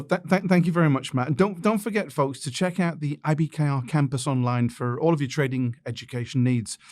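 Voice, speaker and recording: A man's voice: medium pitch, darkish tone, no room sound. A man with a mid-range voice hosts a trading podcast. He chats casually and often stumbles over the first words of a sentence. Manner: stammers on repeated words. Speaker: podcast host. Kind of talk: casual interview chat.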